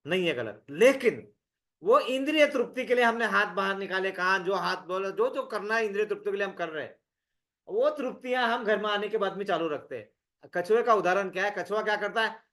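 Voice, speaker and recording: A man's voice: high voice, fairly bright tone. A man leading an interactive scripture class in a conversational way, quizzing his listeners and repeating words for emphasis. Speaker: scripture study leader.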